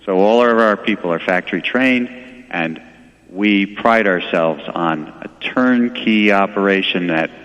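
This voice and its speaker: A man's voice: deep voice, a little slow, fairly bright tone, big-room sound, muffled recording. A man giving explanatory sales talk as an expert guest in a radio interview. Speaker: window and door company expert, guest.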